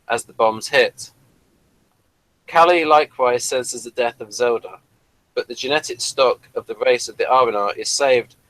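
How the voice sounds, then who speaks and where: Reading out an episode synopsis during a laid-back review chat, this co-host occasionally trips over words and fixes them. His voice is medium in pitch and a bit bright, captured on a rough recording.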